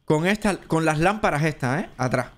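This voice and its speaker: Chatty Cuban streamer, higher-pitched man. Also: animated, moderate pace, a bit bright, slight background noise. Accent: Cuban Spanish. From Cuba. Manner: chatty, thinks aloud, jumps into high squeaky voices. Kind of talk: live gameplay commentary.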